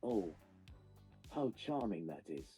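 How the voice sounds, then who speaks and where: A man's synthetic voice playing a gentle, whimsical ghost-cat AI toy with an English accent, speaking in flowery, poetic lines. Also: low-pitched, sing-song, slow pace, husky, soft background music, exaggerated voice, rough recording. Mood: playful. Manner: flowery, poetic, reads out its own actions.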